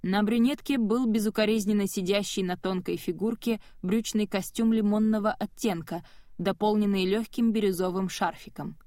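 A woman narrating an audiobook in an even, measured reading. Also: medium pitch, dry recording, clean studio sound. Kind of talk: scripted narration.

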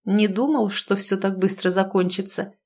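A woman voicing a calm, scheming young captain who speaks quietly and evenly. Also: mid-range voice, close to an everyday voice. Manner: quiet, measured.

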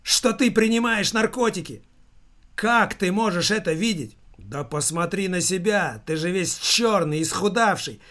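A man reading an audiobook voices a hysterical, anxious middle-aged mother with a shrill, pleading manner. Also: normal speed, hardly any pauses, fairly bright tone.

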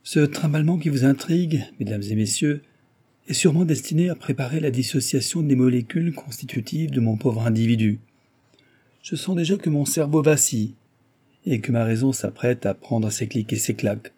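A man voicing a joking, quick-witted young male fiancé in an audiobook, in a playful, teasing tone. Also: medium pitch, dark tone, slightly rough, voice pushed up, close to an everyday voice.

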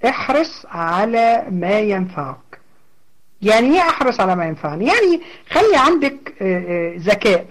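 A woman's voice: high-pitched, fairly bright tone, poor audio. A woman with an Egyptian accent teaching a religious lesson conversationally, asking rhetorical questions and checking in with her listeners.

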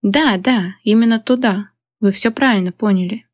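A woman reading the part of a calm, cold-blooded male henchman on the phone, speaking evenly and without hurry. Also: medium pitch, no room sound, studio quality, close to an everyday voice. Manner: calm, even, unhurried.

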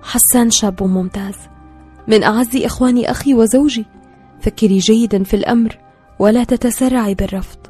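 A woman's voice: on the high side, fairly quick, mellow, husky, faint music behind. A woman reading the part of a frank young woman who earnestly presses her friend. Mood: gentle.

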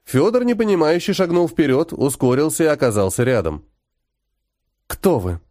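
Man, storybook narrator, lively dramatic reading, close dry mic. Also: on the high side, brisk, no room sound. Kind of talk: scripted audiobook narration.

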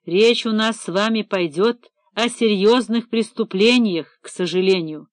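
A woman voicing a calm, stern young male police detective who speaks in a measured, firm way. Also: mid-range voice, dry recording, natural voice. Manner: measured, firm, quietly patient.

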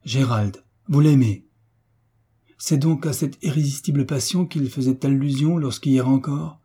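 A man reading the part of an older hunchbacked marquis who speaks in a measured, sorrowful way in a storybook reading. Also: mid-range voice, fairly even intonation, mellow, breathy edge, voice pushed up. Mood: grave. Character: kindly older hunchbacked marquis, grave and protective.

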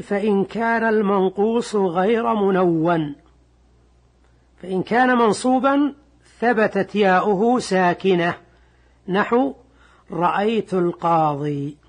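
The speaker is an older man with a high, husky voice giving a lesson on classical Arabic grammar. Measured throughout, he repeats key terms and slows down to read quoted text.

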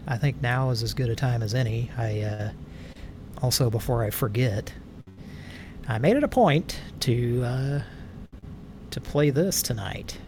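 A man's voice: mid-range voice, expressive, unhurried, pauses often, background noise. A man hosting a live show, rambling through irreverent jokes and stopping himself mid-sentence. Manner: meandering, self-interrupting, irreverent jokes. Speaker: livestream show host. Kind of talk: rambling comedic live chat.

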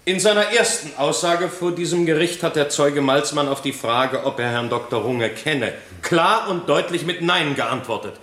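An actor playing a skeptical defense lawyer who questions a witness coolly in a 1960s radio drama. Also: male voice, fairly high pitch, expressive, moderate pace, few pauses, fairly bright tone. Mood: probing. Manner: cool, probing. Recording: roomy vintage radio play studio.

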